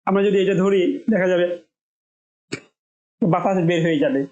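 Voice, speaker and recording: A woman teaching English pronunciation, saying each sound slowly several times so learners can copy it. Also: on the low side, dark tone, roomy sound, lo-fi sound. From Bangladesh. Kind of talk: spoken lesson, demonstrating sounds.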